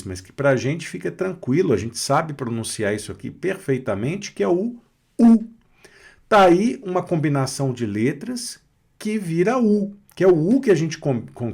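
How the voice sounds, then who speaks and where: A man's voice: medium pitch, a little mellow. A Brazilian man from Minas Gerais teaching French pronunciation in an online lesson, patiently spelling out sounds with frequent "né?" checks and playful jokes. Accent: Brazilian Portuguese, Minas Gerais. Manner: patient, drawn-out explanations with frequent "né?" and "tá certo?"; playful, joking asides.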